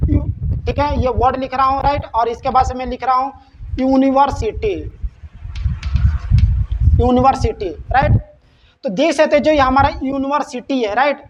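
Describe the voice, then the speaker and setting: A male English teacher with a Hindi accent who gives a lesson. He keeps checking in with his students and asks questions that he then answers himself. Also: very high voice. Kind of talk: classroom-style lesson. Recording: slightly dull sound with faint noise.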